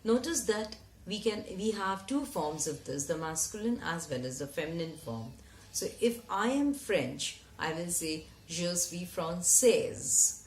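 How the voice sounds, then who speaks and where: A woman gives a beginner's French lesson at an unhurried, careful pace, with a voice that sits a little low. She breaks each phrase into pieces and repeats it. The sound bounces around an echoey room. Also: big pitch swings, slight background noise. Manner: spells out phrases slowly, repeating each one. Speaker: French teacher. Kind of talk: slow, deliberate language lesson.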